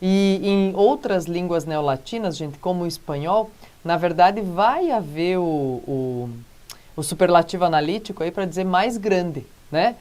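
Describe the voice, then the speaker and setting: A woman's voice: on the low side, lively intonation, darkish tone. A woman with a Brazilian accent teaching a recorded grammar lesson, checking in with the class after almost every point. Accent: Brazilian Portuguese. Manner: explains slowly with frequent "tá?" and "né, gente?" check-ins.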